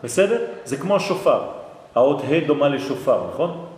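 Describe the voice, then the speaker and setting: A man teaching a lecture to a class, lively and often checking that listeners follow. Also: a little high, slight background noise. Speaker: Torah teacher. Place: hall with an audience. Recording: echoey hall.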